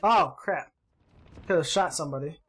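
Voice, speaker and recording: A man hosting his gaming channel, giving excitable gameplay commentary, yelping and groaning at the action and swapping in mild words for swearing. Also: a little high, normal speed, husky, faint music behind. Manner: excitable, yelps and groans at the game.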